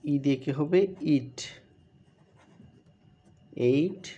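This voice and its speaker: A man teaching an online English grammar lesson, slowly repeating verb forms to drill pronunciation. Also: fairly high pitch, dark tone, lo-fi sound.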